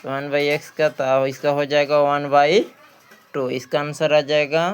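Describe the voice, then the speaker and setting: The lo-fi recording captures a man whose voice is a little high, smooth and slow, with little pitch movement. Speaking with a Bihari accent, he teaches a maths practice lesson for an exam, repeating phrases and answering the questions he asks.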